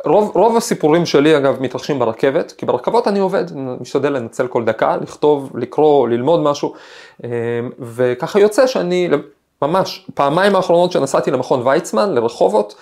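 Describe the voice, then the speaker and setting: A man's voice: a little high, lively intonation, a little mellow. Reflective man telling stories. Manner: thoughtful, storytelling, frequent hesitations. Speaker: podcast host, professor. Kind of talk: reflective podcast monologue with personal anecdote.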